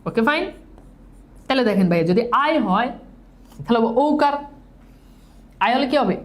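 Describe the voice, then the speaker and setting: A woman with a slightly high voice teaches grammar in a classroom lecture. She leads students through call-and-repeat drills and drops English words into her explanations. She corrects her own slips patiently as she goes. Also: expressive, normal speed. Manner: mixes English words into speech.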